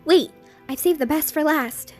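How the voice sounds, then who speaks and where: A woman's voice: high-pitched, a little slow, a little mellow, soft background music, pitched above the performer's own voice. A woman voicing a cheerful, eerily friendly young female unicorn scientist in a story, chirpy and proud. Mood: grateful.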